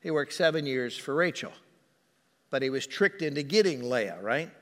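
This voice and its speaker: A man's voice: medium pitch, animated, normal speed, big-room sound. A male pastor preaching a sermon in a conversational, storytelling manner.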